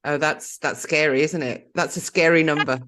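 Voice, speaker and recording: A woman's voice: low voice, steady tone, normal speed, fairly bright tone. A woman hosting a podcast interview, encouraging and openly emotional with her guest. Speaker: podcast host.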